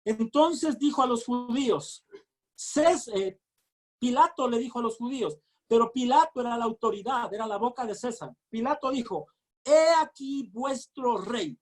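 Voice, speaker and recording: A woman preaches a sermon with fervor. Her voice sits a little high, and she slows down for scripture passages and breaks in with exclamations. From Ecuador. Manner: fervent, reads scripture slowly, exclaims often. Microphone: recorded sermon.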